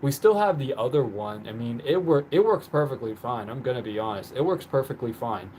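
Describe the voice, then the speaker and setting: Indoors at home, a man paints on the floor while chatting casually on his livestream, rambling and peppering his speech with "like" and "um." He is a native of the country he lives in. His mid-range voice is animated, fairly quick and darkish, and the poor recording carries a slight hiss or hum.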